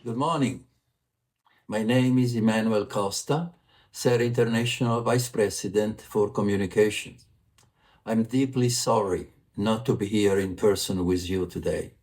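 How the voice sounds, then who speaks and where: In a formal, measured prerecorded report, an Italian vice president for communications speaks with an Italian accent. He has a lowish, darkish voice with fairly even intonation.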